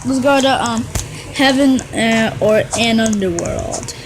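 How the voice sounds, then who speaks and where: A higher-pitched woman talks through her game in a slow, drawn-out way, chatty and excitable, with bursts of trash talk. Steady background noise sits under her voice throughout the recording. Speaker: gamer. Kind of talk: live gameplay commentary.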